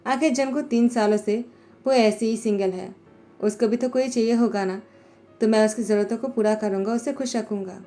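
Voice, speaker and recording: A woman's voice: fairly high pitch, moderate pace, warm tone, faint music behind, lightly acted. Woman playing a pushy, needling young man.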